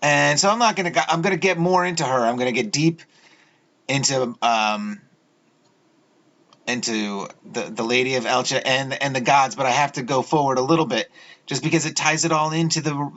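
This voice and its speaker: A man hosting his own video, talking in a halting, rambling way with many fillers and restarts as he goes through pictures. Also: medium pitch, fairly bright tone. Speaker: video host. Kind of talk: rambling solo video talk over images. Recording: dull lo-fi audio.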